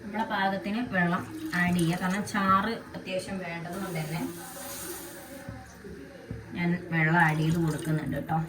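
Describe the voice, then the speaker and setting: A woman's voice: lowish voice, level tone, normal speed, pauses often, over music. A woman chatting casually to her viewers while she cooks at home for her vlog. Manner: chatty, talks straight to viewers as "guys". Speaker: home vlogger. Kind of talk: casual cooking and daily-life vlog. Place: home kitchen. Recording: echoey room, distant mic, background noise.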